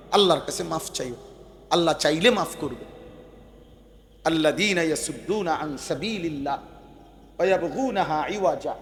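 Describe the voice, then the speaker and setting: A man preaching a waz sermon, his voice pitched high and carried by long reverb. He swings between loud, fervent declaiming and quiet asides. Now and then he mimics the people he scolds.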